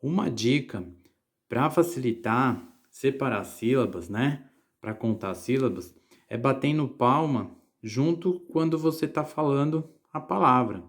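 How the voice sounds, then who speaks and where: A man's voice: medium pitch, expressive, a little slow. A man teacher with a Brazilian Portuguese accent, walking children through exercises and often checking that they follow. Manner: patient, explaining, checking in with "certo?". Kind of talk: literacy lesson to children.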